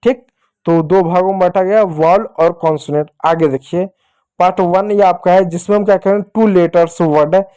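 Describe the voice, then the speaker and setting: A man gives a children's lesson with a mellow, warm tone. He speaks patiently, repeating every point and posing questions that he answers himself. His delivery is that of a teacher walking small learners through each step. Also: high-pitched, fairly even intonation, moderate pace, smooth. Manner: patient, repetitive explaining, asks questions and answers them himself. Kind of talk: classroom-style lesson for children.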